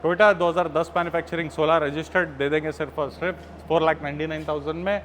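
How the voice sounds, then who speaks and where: A man's voice: on the high side, fairly even intonation, fast, fairly bright tone. A man, a used-car dealer giving a hard-sell list of models and prices with emphatic repeated phrases. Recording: faint ambient background noise.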